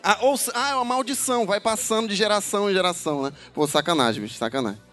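A man's voice: high-pitched, quick pace, a bit bright, faint music behind. A man teasing a guest in a casual podcast chat, laughing as he asks. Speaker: podcast co-host.

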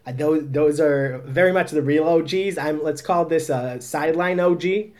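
A man's voice: on the high side, normal speed, a little mellow. A man, a startup founder giving chatty, upbeat, self-deprecating answers in an interview. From Israel.

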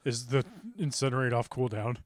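A man's voice: mid-range voice, fairly even intonation, moderate pace, no echo, clean studio sound. A man co-hosting a casual chat show, upbeat and laughing often as he explains game strategy. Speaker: podcast co-host.

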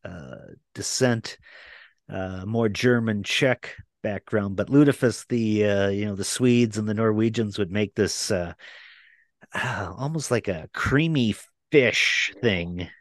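A man's voice: on the low side, takes it slowly, no room sound, clean studio sound. A man in his forties from Minnesota, a podcast guest chatting casually, rambling with many fillers and laughing as he talks. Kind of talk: casual chat.

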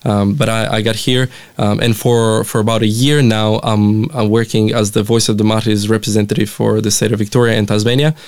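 A young man with a Romanian accent and a low, smooth, clear voice. He chats in a friendly way, stopping and restarting often as he talks. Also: little pitch movement, brisk, few pauses, darkish tone. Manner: friendly, hesitant with many fillers and restarts. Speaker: mission representative, guest. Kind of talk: casual interview chat.

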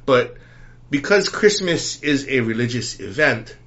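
A man's voice: medium pitch, animated, unhurried, fairly bright tone. A man co-hosting a casual podcast, talking animatedly and laughing often. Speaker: podcast co-host. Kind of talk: casual chat. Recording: dull lo-fi sound.

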